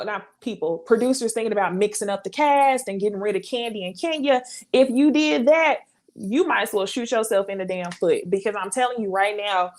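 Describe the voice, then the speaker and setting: A young woman hosts a live reality TV recap in a casual, blunt way. Her pitch sits in the middle range. She rants with lots of profanity and long filler words. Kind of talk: casual live-stream commentary.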